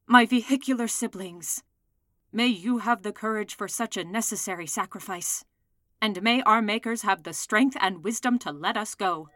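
A woman's voice: mid-range voice, normal speed, fairly bright tone, no echo, natural voice. A noble sentient car's farewell, read by a woman. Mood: solemn rallying. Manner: grandly rallying, speech-like. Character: sentient defiant car, solemn, self-sacrificing.

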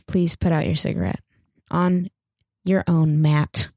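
A woman playing an exasperated meditation guide with strained calm and flustered scolding, in improvised comedy. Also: deep voice, measured pace, dry recording, clean studio sound, pitched below the performer's own voice. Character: exasperated female silent-meditation retreat guide.

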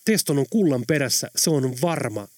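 Audiobook role: determined adult man, lively delivery, read by a male narrator. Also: medium pitch, no echo, studio quality, close to an everyday voice.

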